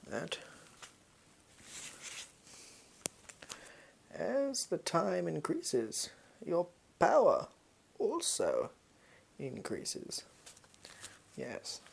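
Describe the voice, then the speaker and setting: A performer of unclear sex voicing a pompous, shady villain in an improvised role-play, with a put-on posh English accent and an over-precise, halting, evasive manner. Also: medium pitch, vocal fry, a little hiss or hum, exaggerated voice. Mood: pompous, lecturing.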